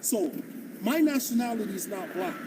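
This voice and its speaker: A man's voice: sits high, lively intonation, moderate pace. A man from Jamaica preaching on the street and debating passersby, insistent and full of rhetorical questions. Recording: distant mic, loud traffic noise.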